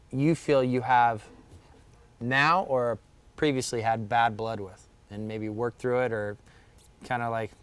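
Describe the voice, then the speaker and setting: A man's voice: medium pitch, fairly bright tone, clean tone. A man hosting a live show, reading viewer questions and teasing his guest in a casual way. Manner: joking, teasing.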